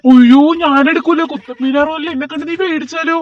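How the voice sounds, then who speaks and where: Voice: high voice, steady tone, quick pace, recorded from a distance, lo-fi sound, faint music behind, natural voice. A performer voicing a brusque, dismissive young college man who shoos a girl away. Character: grumpy young male college dancer.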